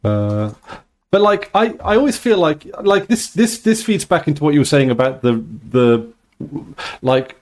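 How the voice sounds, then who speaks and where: A man's voice: fairly high pitch, big pitch swings, a little mellow. Rambling man in casual chat. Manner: rambling, halting, many restarts. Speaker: podcast co-host.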